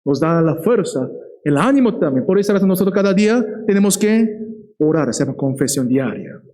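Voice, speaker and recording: A man preaching a sermon in a lively way. He often checks in with the listeners and slows down to stress key words. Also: sits high, low-quality recording.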